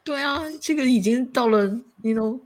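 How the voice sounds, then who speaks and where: A woman's voice: fairly high pitch, normal speed. A woman hosting a podcast in casual chat, chatty and laughing often. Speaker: podcast host.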